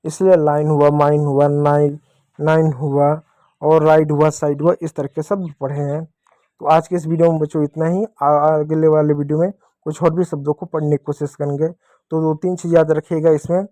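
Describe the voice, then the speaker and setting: A man's voice: a little high, level tone, normal speed, dark tone, no room sound. A man teaching children to read words, spelling each one patiently letter by letter and calling out to the kids. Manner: repeatedly addresses the children. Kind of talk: children's reading lesson.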